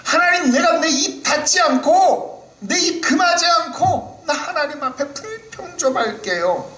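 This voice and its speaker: A man voicing Job as a grown man petulantly complaining to God in high, pleading tones within a sermon. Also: lively intonation, a little slow, sharp tone, reverberant, exaggerated voice. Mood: whiny pleading.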